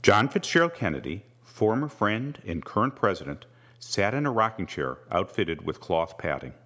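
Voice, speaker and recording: Deep-voiced man narrating an audiobook. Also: very animated, moderate pace, fairly bright tone. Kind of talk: scripted first-person narration.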